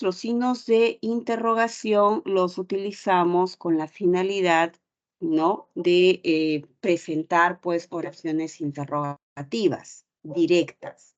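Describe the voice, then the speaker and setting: A woman's voice: on the low side, darkish tone. A woman teaching an online class, explaining patiently and often checking in with short tag questions. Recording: dull lo-fi audio.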